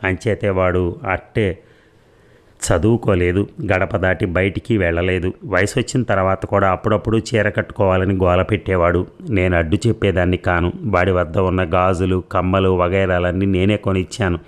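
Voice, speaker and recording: A man voicing an elderly mother-in-law who pleads earnestly and calmly, in an audio story. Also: deep voice, normal speed, close to an everyday voice. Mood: pleading.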